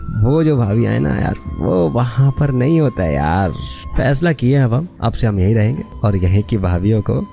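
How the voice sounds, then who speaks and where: A man's voice: mid-range voice, sing-song, moderate pace, gravelly. Brief: swaggering small-town flirt, as a male narrator puts him on, dull recording with music under it. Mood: boastful. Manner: swaggering, rustic slang.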